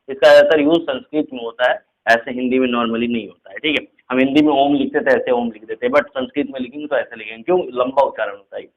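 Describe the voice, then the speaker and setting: A man gives a casual spoken lesson in a mid-pitched voice. He talks slowly and walks through example after example. He keeps checking in with his students and drops English words into his speech. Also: rough recording. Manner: repeats "theek hai" as a check-in; explains slowly with repeated examples. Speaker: teacher.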